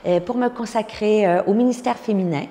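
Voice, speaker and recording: Her medium-pitched, mellow voice moves a little fast as this pastor from Quebec, Canada, in her fifties, recounts her personal testimony with earnest feeling and many fillers. She has a Québécois French accent and works as a speaker, and the recording sounds like a big room.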